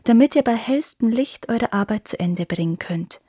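A woman voicing a kind, gentle good fairy. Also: on the high side, expressive, normal speed, slightly rough, dry recording, studio quality. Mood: kindly.

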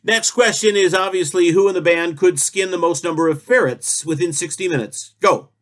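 A man hosting a comic talk show, rambling through absurd questions and deadpan jokes. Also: sits high, normal speed.

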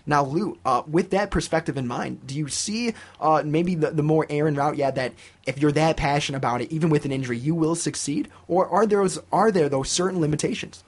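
A man's voice: fairly high pitch, brisk. A man hosting a sports radio talk show from the studio, asking long, rambling questions.

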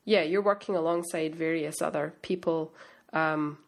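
Sick and under the weather at home in Scotland, a woman co-hosts a casual podcast, chatty and self-deprecating. Her low, creaky voice moves at a moderate pace with fairly even intonation.

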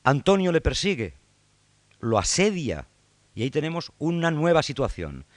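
A man giving a public lecture on literature, lively, acting out quoted lines now and then. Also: a little high, moderate pace, no room sound. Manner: lively, acts out quoted lines in a loud raised voice.

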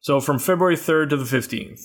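A man's voice: on the high side, a little fast, faint music behind. A man co-hosting a hockey podcast in casual chat, laughing often and riffing with mocking asides. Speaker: podcast co-host.

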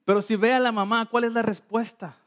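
A man's voice: sits high, fairly even intonation, fairly quick, a bit bright. A man preaching a sermon, telling a story in short phrases and putting questions to the congregation while an interpreter follows him. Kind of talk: sermon in Spanish with live interpretation.

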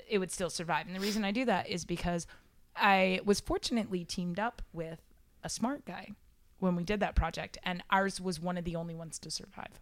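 Chatty low-voiced woman, dry close sound. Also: no echo. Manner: chatty, self-deprecating, lots of fillers. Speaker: podcast guest, robotics club founder. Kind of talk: casual podcast chat.

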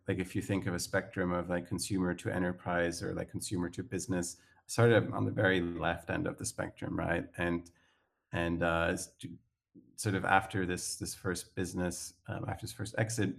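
A Swiss startup founder with a deep, gravelly voice and a Swiss accent appears as a guest in a casual interview. He speaks hesitantly, with lots of fillers and restarts.

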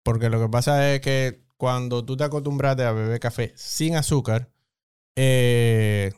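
A man's voice: medium pitch, steady tone, unhurried, a little mellow, clear, resonant tone, no room sound, clean studio sound. A young man with a Dominican Spanish accent, chatting as a podcast guest and explaining things at length with many restarts. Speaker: podcast guest, hospitality professional. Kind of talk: casual interview talk.

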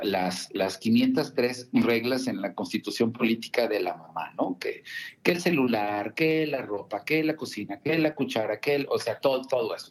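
A man, working as a family counselor and speaking as a guest on a radio talk show. He tells stories in a chatty way, with many asides and tag questions. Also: mid-range voice.

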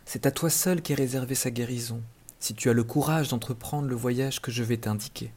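A man voicing a kind female fairy in a storybook reading, speaking softly and gently. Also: medium pitch, normal speed, lightly acted. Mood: gentle. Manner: soft, gentle.

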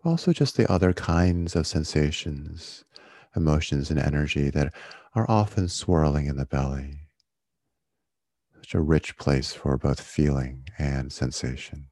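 A man leading a guided meditation in a soothing, gentle, unhurried manner, like a yoga teacher. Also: a bass voice, dry recording. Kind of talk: guided body-scan meditation.

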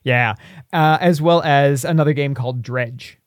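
A man's voice: medium pitch, a little slow, no room sound. A man co-hosting a podcast, talking casually and thinking aloud as he lays out ideas on a close microphone. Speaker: podcast co-host. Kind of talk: casual podcast talk, pitching a tabletop game character.

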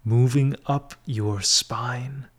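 A man leading a guided meditation in a soft, breathy, half-whispered spa voice, soothing and measured, with long pauses between short phrases. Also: mid-range voice, fairly even intonation.

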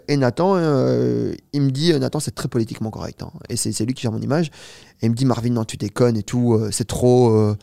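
A man's voice: medium pitch, vocal fry, no echo, studio quality. A man in his twenties, a startup founder and guest, telling a story at length in a casual interview, with lots of fillers and "you see". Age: 20s. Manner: fast, animated, filler-heavy storytelling with many "tu vois".

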